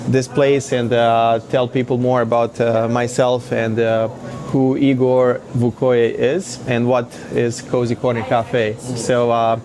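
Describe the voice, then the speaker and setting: A man in his thirties from Serbia, speaking as a café-owner guest in a casual interview, pausing often with fillers. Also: mid-range voice, little pitch movement, a little mellow, slight background noise. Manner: hesitant, many fillers.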